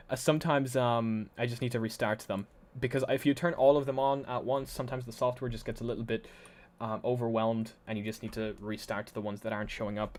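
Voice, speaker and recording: A man streaming live, chatting casually and thinking aloud as he explains his setup, his voice a little worn from talking. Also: medium pitch.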